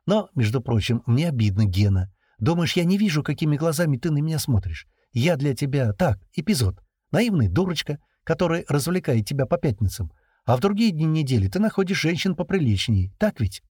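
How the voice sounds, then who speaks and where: A man's voice: a little high, big pitch swings, fairly quick, mellow, husky, dry recording, clean studio sound, voice pushed up. A man reading aloud and voicing a naive, chatty young woman who pleads and takes offence easily. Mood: hurt.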